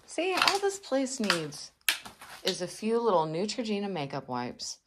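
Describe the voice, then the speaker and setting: A woman's voice: medium pitch, huge pitch swings, measured pace. A young woman, chatting to viewers in a casual, joking way as she wades through a flooded basement. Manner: chatty, joking, talks to viewers while wading through sludge. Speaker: urban explorer vlogger. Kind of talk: casual vlog narration while exploring. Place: flooded abandoned basement, indoors. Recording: noisy handheld camera audio.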